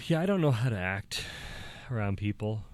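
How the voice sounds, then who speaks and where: A young man talking casually to the camera, halting and restarting, with small laughs between thoughts. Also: fairly low pitch, very animated, a little mellow. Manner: acts out quoted dialogue in a raised voice. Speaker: vlogger.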